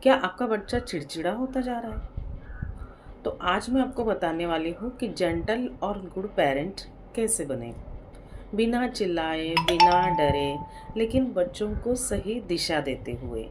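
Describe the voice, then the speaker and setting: A woman's voice: fairly low pitch, expressive, unhurried, a little mellow, slight background noise. A woman with an Indian accent, a psychologist and counselor, giving a parenting advice talk in an explanatory way, slipping English terms into her speech and using frequent fillers.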